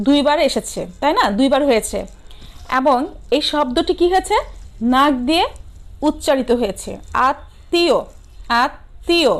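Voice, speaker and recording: A middle-aged woman teacher with a Bangladeshi Bengali accent, giving a grammar lesson, asking questions and answering them herself and sounding out words slowly and carefully. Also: high voice. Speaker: school teacher.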